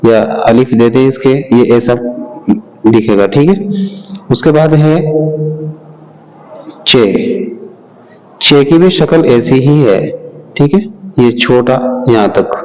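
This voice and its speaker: A man gives a slow, careful alphabet lesson in a warm, mellow voice. He patiently repeats every sound and keeps checking that the learner has understood. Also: medium pitch, low-quality recording. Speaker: teacher.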